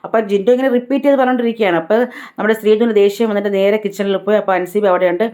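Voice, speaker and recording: A woman's voice: medium pitch, steady tone, very fast, mellow. A woman vlogger giving a chatty, casual recap of a reality show episode, retelling who said what. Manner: chatty, tag-heavy retelling.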